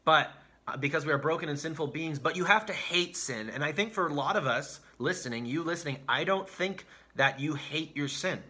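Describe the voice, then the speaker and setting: A man's voice: on the high side, animated, fairly quick, pushed and bright. A man giving a youth sermon as a pastor, speaking earnestly and emphatically and repeating key phrases for stress. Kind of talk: sermon for teenagers.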